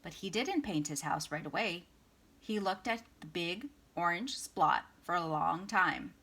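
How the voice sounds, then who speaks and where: A woman reads a picture book for children with a very lively, swooping pitch. Her voice is bright and forceful with a slightly husky edge. She leans on key words with dramatic, expressive emphasis. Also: measured pace. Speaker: storytime reader. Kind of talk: animated children's picture book read-aloud.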